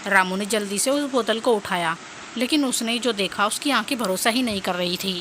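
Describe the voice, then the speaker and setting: A woman narrating a cartoon story in a steady storytelling manner. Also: mid-range voice, normal speed, slight background noise.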